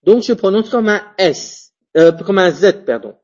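A husky, slightly breathy teacher talks at an unhurried pace through a pronunciation lesson, spelling letters and checking in after each point. The pitch moves around a lot. The recording sounds dull and lo-fi. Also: expressive, a little mellow. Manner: repeats example words slowly, self-corrects.

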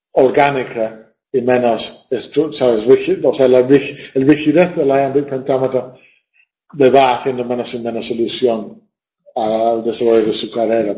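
The lecture comes from a male teacher with a medium-pitched, dark-toned voice in reverberant surroundings. Thinking out loud, he recites verse with the beats stressed; the classroom recording is dull and lo-fi.

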